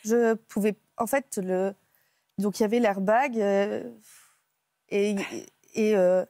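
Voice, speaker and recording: A woman speaks as a guest on a television talk show, recounting a personal ordeal. Her voice is mellow and warm, recorded dry and close on a lapel mic. She talks haltingly, breaking off and restarting as she searches for words. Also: mid-range voice, fairly even intonation, dry recording. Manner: halting, emotional retelling with many restarts. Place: TV studio set.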